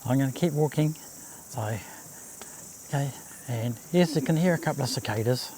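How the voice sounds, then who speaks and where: A man gives casual, unhurried commentary on a nature walk, outdoors by a babbling creek. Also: medium pitch, warm tone. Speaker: walking vlog host. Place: outdoors on a bush walkway and swing bridge by a creek. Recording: outdoor ambience, faint insect noise. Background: cicadas, birds, babbling creek.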